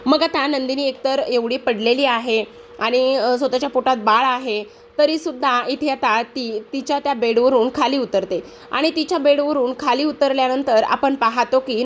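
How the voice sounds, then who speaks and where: A woman retelling a TV serial episode in a brisk storytelling way, with frequent hesitation sounds. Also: sits high, a little hiss or hum. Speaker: TV serial recap narrator.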